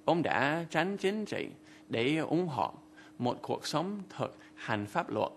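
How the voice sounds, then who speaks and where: A man's voice: on the high side, sing-song, slow pace, a little hiss or hum. A man presenting an English vocabulary lesson, explaining words and translating example sentences in scripted narration.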